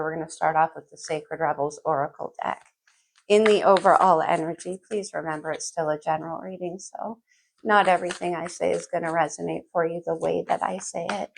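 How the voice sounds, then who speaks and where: With a fairly low, gravelly voice, an astrologer casually reads tarot, thinking out loud as she addresses the listener directly. Her manner is conversational, and her words sound a little muffled.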